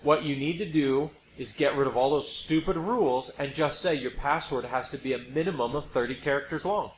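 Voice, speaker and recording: Brisk and mid-range, this man's voice drives a podcast where he, as host, shares his opinions casually and with emphasis, repeating points to make them land. There's roomy echo and background noise on the recording.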